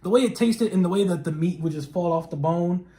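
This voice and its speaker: A man's voice: high-pitched, a little fast, warm tone. A man chats casually as co-host of a show. His talk is informal and affirming, peppered with slangy interjections. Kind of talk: casual chat.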